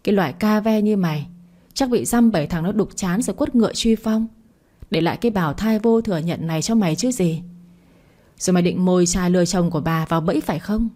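A woman narrator voicing a shrill, furious young woman who hurls rapid insults at a rival. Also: warm tone, close to an everyday voice. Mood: abusive. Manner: rapid, abusive scolding.

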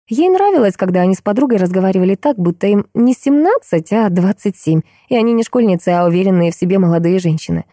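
A female audiobook narrator reads a novel aloud as scripted narration, in an even, measured storytelling manner. Her voice is medium-pitched, and the recording is studio quality with no room sound.

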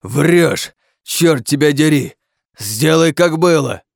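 A man voicing a huge monster, once a man, who talks in a low rumbling voice and shouts in distress. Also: measured pace, dry recording, studio quality. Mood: furious.

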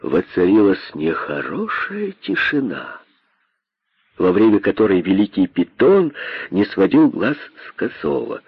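Male narrator, audiobook fable, slow, husky, lively pitch, dry dull lo-fi recording. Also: no room sound. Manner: expressive, unhurried storytelling.

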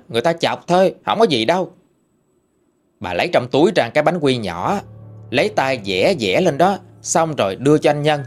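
Man, folksy storytelling narration, animated pitch, soft background music. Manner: folksy, lively retelling with rising and falling emphasis.

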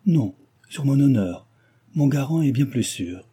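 A man voicing an impetuous young gentleman who pleads with ardent warmth. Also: medium pitch, animated, unhurried, slightly rough, voice pushed up.

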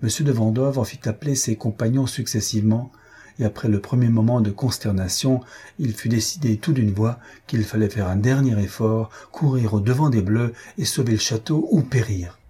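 A man reading a historical tale aloud as an audiobook narrator, in measured, even storytelling. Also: medium pitch, husky. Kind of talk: scripted narration.

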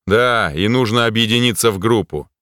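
A man voicing a confident male warrior hero with a spear, giving brisk orders in an audiobook. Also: on the low side, a bit bright, no echo, clean studio sound, natural voice. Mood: commanding.

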